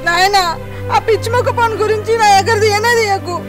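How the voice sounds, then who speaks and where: A woman's voice: very high-pitched, fairly even intonation, a little fast, over loud music. A woman playing a tearful young Telangana wife. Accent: Telangana Telugu. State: crying. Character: tearful young married daughter, hurt by husband. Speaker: daughter. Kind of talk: village family drama acting.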